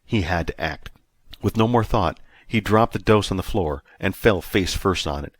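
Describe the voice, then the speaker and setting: A man narrating a sci-fi audiobook in a steady, measured storytelling manner. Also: deep voice, no room sound. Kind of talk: scripted narration.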